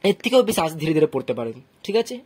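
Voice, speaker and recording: Man, Bangladeshi Bengali accent, patient Quran teacher, slow syllable-by-syllable spelling. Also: fairly high pitch, very animated, darkish tone, breathy edge. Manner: patient, spells out letters and vowel marks, often asks "ঠিক আছে?". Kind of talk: slow syllable-by-syllable recitation lesson.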